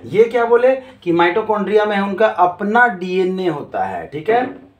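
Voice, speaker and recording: A man's voice: high-pitched, very animated, takes it slowly. A male teacher lecturing a class, who asks questions and then answers them himself, going back over each key term several times. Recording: echoey room.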